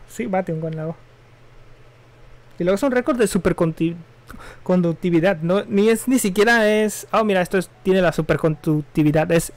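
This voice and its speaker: Young male streamer, a touch high-pitched, loose and slangy, drifts between game and news. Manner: rambling, offhand, slangy and self-correcting. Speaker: gaming streamer. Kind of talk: casual live-stream chat while gaming.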